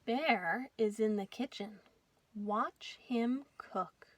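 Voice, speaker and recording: At a medium pitch and a very slow pace, a woman reads a story aloud to children in a lively, sing-song way, stopping to ask her young audience questions as the host of the storytime.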